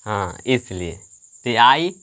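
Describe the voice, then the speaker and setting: A man's voice: medium pitch, big pitch swings, a bit bright. A man teaching English grammar to a class, repeating questions and answering them himself. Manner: slow, drawn-out delivery.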